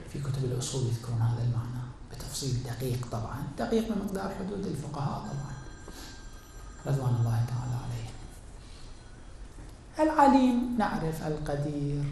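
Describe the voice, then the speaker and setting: A man, a cleric, giving a deliberate religious lecture, asking and answering his own questions, his voice rising to emphatic peaks and dropping to hushed asides. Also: mid-range voice, slight background noise. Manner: swings between raised emphatic and hushed tones. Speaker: cleric teaching Quran exegesis. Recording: very echoey hall.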